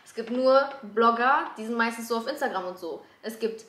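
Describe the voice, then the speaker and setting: Young woman, slightly high voice, casual slangy chat, searching explanations, echoey room. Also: moderate pace, background noise. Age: 20s. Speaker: YouTuber guest. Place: small room at a dining table. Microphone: camera a few feet away. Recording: echoey room, camera at a distance.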